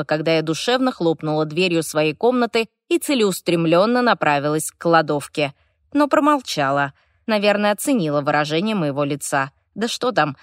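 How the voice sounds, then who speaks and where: A woman narrating a first-person fantasy audiobook in a wry, lively, expressive way. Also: lowish voice, dry recording, studio quality.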